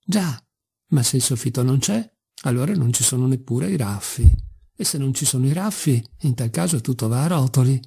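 Man reading a boozy, wicked, sentimental old father; low, husky, rambling and wheedling. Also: lively intonation, normal speed, warm tone. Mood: mocking. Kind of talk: audiobook character reading.

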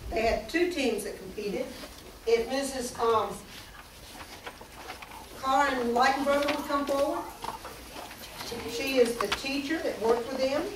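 A middle-aged woman, reading names and thanking students at a school board meeting, recorded from a far camera in a large room. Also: a little high. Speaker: school board member presenting awards. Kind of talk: public meeting recognition remarks. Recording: echoey room from far off, noisy.

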